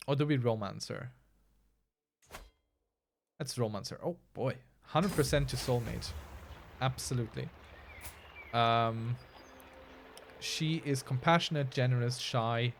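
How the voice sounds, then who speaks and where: A man casually commenting as he plays a strategy game, chatty and wry, answering his chat as he goes. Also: mid-range voice. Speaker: streamer playing a strategy game.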